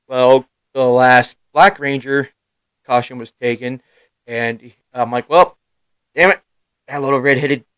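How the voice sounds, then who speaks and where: A man's voice: medium pitch, clean tone, dry recording, poor audio. Rambling, self-mocking man on a live stream. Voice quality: swears freely, laughs at himself. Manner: rambling storyteller with sudden loud outbursts. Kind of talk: casual chat.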